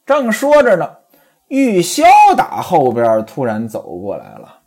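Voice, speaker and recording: Lively male storyteller, chatty. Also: medium pitch, a little slow, slightly rough. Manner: chatty, addresses listeners directly. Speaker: storyteller and commentator. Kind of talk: storytelling commentary on a classic novel.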